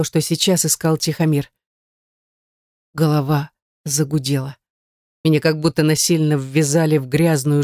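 A woman reading a first-person novel aloud in a dramatic, expressive way, close to the mic. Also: low-pitched, dry recording. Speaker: audiobook narrator.

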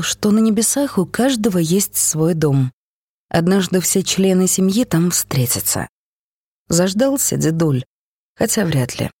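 A reader tells a first-person story with emotional, heartfelt delivery. The voice is at a middling pitch and recorded close and dry, with no room echo. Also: a little mellow, breathy edge.

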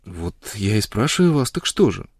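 A man voicing a proud, quick-witted young woman who answers with sharp, challenging retorts. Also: lowish voice, sing-song, breathy edge, dry recording, clean studio sound, full character voice. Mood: teasing.

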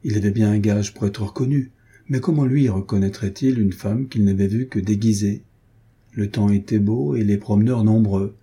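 A man narrating a nineteenth-century novel as an audiobook reader, raising his pitch for the characters' dialogue. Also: fairly even intonation, normal speed, warm tone, slightly rough.

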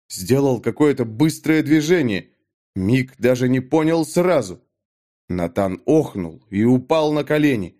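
A man's voice: medium pitch, a little mellow. Man narrating an audiobook dramatically.

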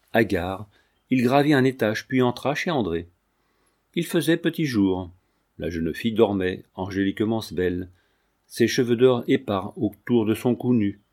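A man with a low voice narrates a literary novel in a measured, dramatic way. He reads at an even pace and leans into the darker passages. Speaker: audiobook reader.

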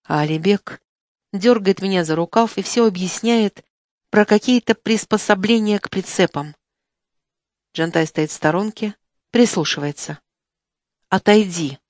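A woman narrating a first-person audiobook in a measured, even storytelling voice, recorded in a studio. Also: mid-range voice, no room sound.

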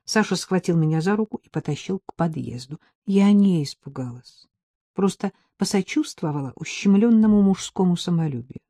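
A woman reading a first-person novel as an audiobook narrator, with even, measured storytelling. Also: lowish voice, no echo, studio quality. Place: studio booth. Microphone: close studio mic.

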